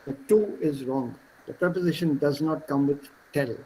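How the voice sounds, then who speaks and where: Over a video call, this man runs an online German lesson in English, his Indian accent shaped by his native Gujarati. He explains with patience and slows down on key words. His slightly high voice has a dark tone, and the low-quality audio carries a faint hiss or hum.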